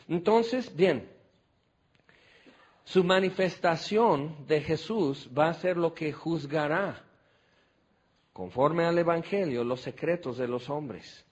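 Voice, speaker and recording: A Mexican man preaching a sermon, switching between quiet scripture reading and excited, folksy storytelling. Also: highs cut off. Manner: animated, shifts from low quiet scripture reading to excited shouting; conversational, folksy storytelling with fillers like "este".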